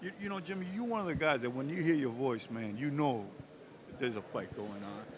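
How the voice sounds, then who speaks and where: A man with a medium-pitched voice conducts a casual interview. Clear on-location noise surrounds his conversational questions. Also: a little fast. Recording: clearly noisy on-location ambience.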